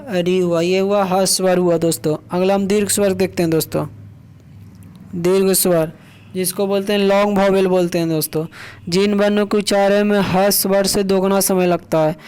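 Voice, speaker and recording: A man's voice: high voice, a little mellow, clean tone. A man teaching a grammar lesson, often asking his viewers a question and then answering it himself while repeating key points.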